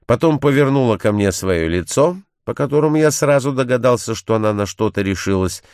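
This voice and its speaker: A man narrating a literary story as an audiobook reader, in an expressive storytelling manner. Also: medium pitch, dry recording, clean studio sound.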